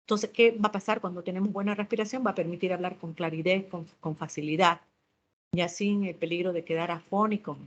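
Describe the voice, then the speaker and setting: A woman's voice: lowish voice, fairly even intonation, fast talker, dull audio. A woman teacher giving a lecture on public speaking, explaining step by step and often checking in with short tag questions.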